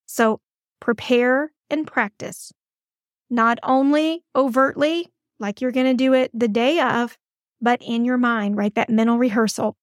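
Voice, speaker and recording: A woman's voice: a little high, fairly even intonation, a little slow, no room sound, studio quality. A woman podcast host who works as a school counselor, giving upbeat, encouraging advice in a chatty coaching tone. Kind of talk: casual coaching monologue.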